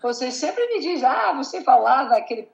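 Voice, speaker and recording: A woman's voice: high-pitched, big pitch swings, normal speed, gravelly, muffled recording. A woman chatting casually and informally, sometimes repeating words as she goes. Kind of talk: casual chat. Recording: echoey room, faint noise.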